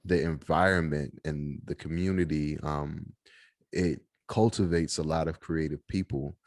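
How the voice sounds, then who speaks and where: A man from Washington, D.C. hosting a podcast, speaking in an unhurried, supportive way with many pauses. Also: rumbling low, fairly even intonation, no echo, clean studio sound. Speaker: podcast host. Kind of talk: casual interview chat.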